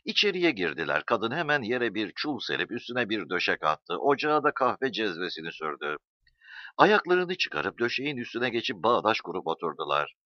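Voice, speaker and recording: A man narrating a story as an audiobook reader, in an expressive storytelling manner. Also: lowish voice, moderate pace, no echo. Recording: dull dry recording.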